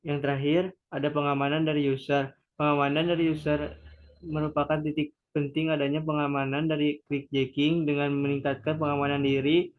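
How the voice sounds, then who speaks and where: Flat-voiced man reading a class presentation. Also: a little high, brisk, phone-quality sound. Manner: reads from notes with frequent restarts. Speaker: student presenter.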